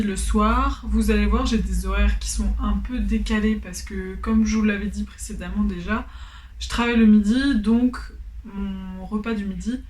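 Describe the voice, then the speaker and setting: A woman chatting in a casual vlog, rambling along with plenty of enthusiasm. Her voice sits at a middling pitch. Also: a little mellow, roomy sound. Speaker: food vlogger.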